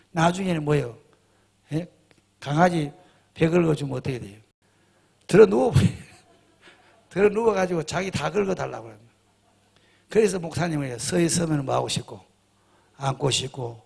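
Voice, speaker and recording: A man's voice: a little high, vocal fry, a little mellow, husky. A middle-aged male pastor preaching a sermon, emphatic, often firing rhetorical questions at the congregation.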